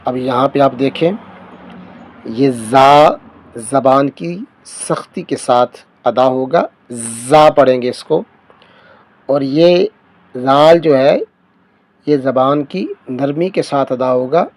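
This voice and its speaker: A man's voice: mid-range voice, dry recording. Man teaching letter sounds, close dry voice. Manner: sounds out letters slowly, stressing each syllable. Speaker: Quran reading teacher. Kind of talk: slow recitation lesson.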